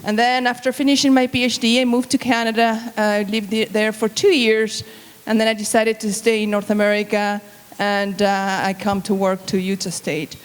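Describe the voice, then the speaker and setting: A woman's voice: mid-range voice, flat delivery, moderate pace. Woman speaking in a hall. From Argentina. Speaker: banquet speaker, university researcher. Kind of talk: speech to students. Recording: reverberant banquet hall.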